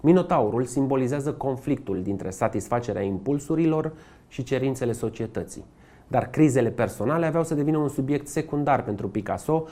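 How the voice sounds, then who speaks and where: A man's voice: medium pitch, mellow. Man narrating an art documentary.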